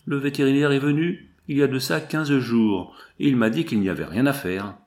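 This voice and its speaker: A man voicing a middle-aged farmer who complains slowly and plaintively. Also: mid-range voice, a little mellow, voice pushed up, close to an everyday voice. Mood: lamenting.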